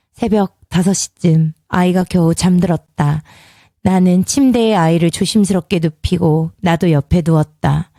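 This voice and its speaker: A woman's voice: lowish voice, mellow, dry recording, clean studio sound. A woman telling a dramatized first-person story and voicing a frightened young mother in the dialogue. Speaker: narrator. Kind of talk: scripted narration of a dramatized story.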